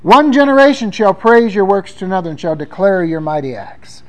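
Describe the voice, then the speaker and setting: A man with a high-pitched voice preaches a sermon. He talks conversationally and reads psalms aloud with strong emphasis. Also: fairly quick, low-quality recording. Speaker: pastor.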